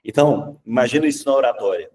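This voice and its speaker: A man with a Brazilian Portuguese accent teaching public speaking in a lively, conversational way, often checking in with "tá?" and acting out examples. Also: medium pitch, quick pace, distant mic, slight background noise. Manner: acts out examples in changed voices.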